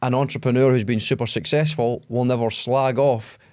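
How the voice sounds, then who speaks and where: A man's voice: mid-range voice, fairly even intonation, fairly quick, darkish tone, dry recording. A man co-hosting a podcast, chatting casually, laughing often and restarting his sentences. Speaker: podcast co-host. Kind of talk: casual chat.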